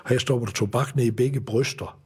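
A man hosting a satirical show, talking casually and haltingly, with mild swearing. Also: mid-range voice, breathy edge. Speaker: host.

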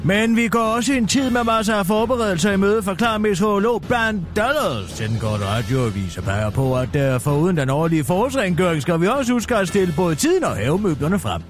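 A man's voice: high voice, sing-song, few pauses, soft background music. A man playing a brazen, self-important female radio news anchor in satirical comedy, with a needling, theatrical manner. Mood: brisk newsreading.

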